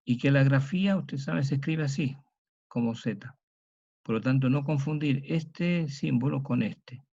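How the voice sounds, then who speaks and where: Gravelly-voiced man lecturing. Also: medium pitch, mellow. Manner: slow, methodical, spells out sounds and examples. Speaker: teacher. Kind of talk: historical grammar lecture. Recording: dull lo-fi recording.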